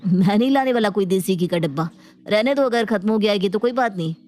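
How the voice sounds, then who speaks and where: A woman's voice: mid-range voice, fast talker, darkish tone, faint music behind, voice pushed down, lightly acted. A woman voicing a stingy grown man, a husband who brushes off his wife's request in a cartoon. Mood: dismissive. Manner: brushes off the request, grumbling about price. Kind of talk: cartoon voice acting.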